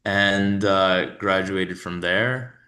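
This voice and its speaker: A young man from New York with a deep, bright-toned voice speaks extremely slowly. He's a company founder appearing as a guest in a casual interview, relaxed and rambling, with lots of fillers and restarts.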